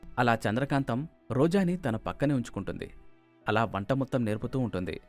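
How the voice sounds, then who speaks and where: Fast-paced male story narrator. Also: medium pitch, sing-song, a little mellow, dry recording, faint music behind. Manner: plain storytelling.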